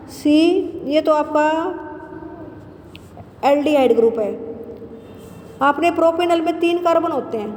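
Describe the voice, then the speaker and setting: A woman teacher giving a chemistry lesson, asking questions and answering them herself, repeating key terms slowly. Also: sits high, a little mellow, slight background noise. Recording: roomy echo with long reverb.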